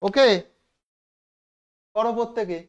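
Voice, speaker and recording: A woman teacher giving a classroom lesson to children, spelling out words slowly letter by letter and checking that everyone understands. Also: fairly high pitch, darkish tone. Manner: slow, step-by-step spelling out of letters. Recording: dull lo-fi recording.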